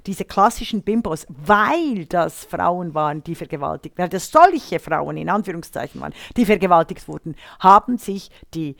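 Emphatic woman with a low-pitched, dry-sounding voice. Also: animated, creaky, fairly bright tone, dry recording. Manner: emphatic, halting with repeated phrases for stress. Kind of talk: opinionated discussion of film and media politics.

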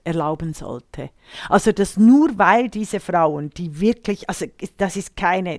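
A woman co-hosting an opinionated discussion, speaking emphatically and haltingly, repeating phrases for stress. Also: sits low, creaky, a little mellow, no room sound, clean studio sound. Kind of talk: opinionated discussion of film and media politics.

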